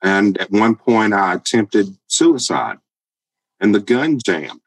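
Southern guy in his 50s, alabama accent, lowish voice, plain-spoken guest, dry sound. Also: animated, slow, no room sound, low-quality recording. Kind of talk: podcast interview.

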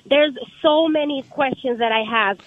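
A woman's voice: sits high, unhurried, no room sound. Woman caller on tinny speakerphone. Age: 30s. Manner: earnest, hesitant, many ums. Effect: speakerphone over a phone line. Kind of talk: call-in radio question. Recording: tinny phone line.

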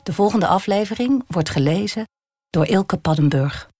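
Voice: mid-range voice, animated, moderate pace, a little mellow. An announcer reading the podcast credits in a plain, informative way. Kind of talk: scripted credits. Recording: voice over music bed.

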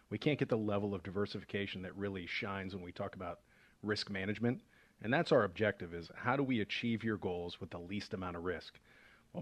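Low-voiced guy hosting a money radio show, chatty explainer with lots of uhs, dry close sound. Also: dry recording. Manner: conversational, with frequent fillers and restarts. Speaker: financial advisor and radio show host. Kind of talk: casual explanatory radio talk.

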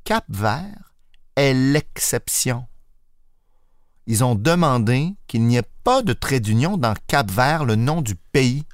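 A man's voice: mid-range voice, takes it slowly, no echo, studio quality. A man with a Québécois accent, hosting a playful educational chat, explaining memory tricks with jokes and wordplay. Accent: Québécois French. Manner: animated, jokey, explains with wordplay. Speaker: host teaching mnemonics.

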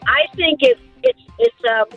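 A woman's voice: sing-song, moderate pace, a bit bright, lo-fi sound, faint music behind. A woman with a Boston accent calling into a radio show, talking eagerly and with emphasis. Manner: eager, emphatic, pitch jumps up. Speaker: caller. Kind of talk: phone-in chat.

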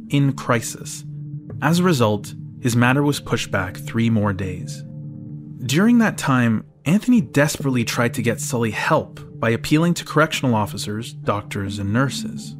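A man giving scripted documentary narration in a measured, factual way. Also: medium pitch. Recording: narration over clear music bed.

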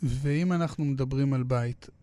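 A man's voice: mid-range voice, dark tone. A man hosting a casual interview, probing with questions that he rephrases as he goes. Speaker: interviewer, host.

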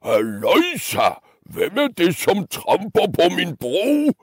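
A man's voice: high-pitched, wildly swooping pitch, husky, no echo, studio quality, pitched above the performer's own voice, exaggerated voice. A man voicing a huge grumpy male troll who bellows threats. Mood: menacing.

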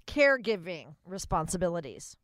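Upbeat female co-host, dry crisp voice. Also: lowish voice, very animated, normal speed, fairly bright tone, dry recording. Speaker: co-host reading out topics. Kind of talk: casual radio chat.

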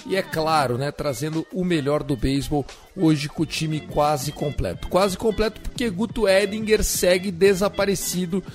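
Higher-pitched Brazilian male podcast host. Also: moderate pace, hardly any pauses, faint music behind. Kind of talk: casual sports podcast presenting.

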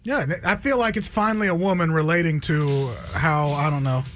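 A man's voice: fairly high pitch, brisk, a bit bright, slight background noise. A young man co-hosting a radio show in casual, conversational chat.

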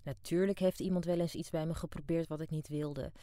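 Here the author, a middle-aged Amsterdam woman, reads from her diary in audiobook form with a frank, wry, down-to-earth manner. She speaks briskly in a low, mellow voice with fairly even intonation, and the recording is dry.

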